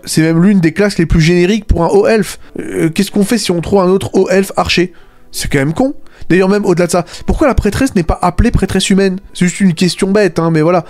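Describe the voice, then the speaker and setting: A man's voice: high voice, a little mellow. A man giving a casual spoken video essay as an anime critic, sarcastic, often dropping "voilà" and "hein" between points. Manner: sarcastic, fillers like "voilà" and "hein", mocking asides.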